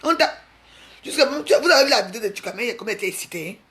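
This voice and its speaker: A woman's voice: a little high, animated, rapid-fire, sharp tone. A woman, ranting in a casual gossip vlog, mocking and insulting with frequent laughter. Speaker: vlogger. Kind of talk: casual gossip rant to camera.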